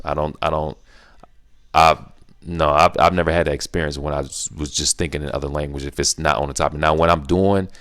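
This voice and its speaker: In clean, echo-free studio sound, a low-pitched, slightly bright male voice runs a relaxed solo Q&A on YouTube. His manner is playful and meandering, with frequent repetition and restarted sentences.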